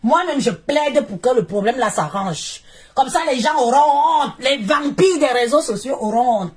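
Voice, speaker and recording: High-pitched woman chanting praise on a live stream. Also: expressive, normal speed, slightly rough. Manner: chanting, repetitive, exclamatory praise. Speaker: social media live streamer. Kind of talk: live stream hype and commentary.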